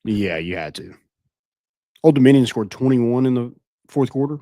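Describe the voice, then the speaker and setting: A man's voice: medium pitch, animated, normal speed, warm tone, no room sound. A man co-hosting a podcast, chatting casually about college football and telling stories animatedly. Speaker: podcast co-host. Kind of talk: casual sports chat.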